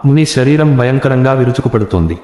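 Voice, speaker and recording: A man telling a first-person horror story in a measured, suspenseful way. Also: mid-range voice, expressive, a little mellow. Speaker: narrator. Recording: roomy echo with long reverb.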